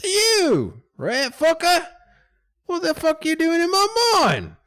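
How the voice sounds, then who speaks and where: A blustering older miner in a tabletop game, loud and foul-mouthed, his voice cranked up high, as a man puts him on. He sounds gruff and lively and talks slowly. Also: full character voice. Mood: angry.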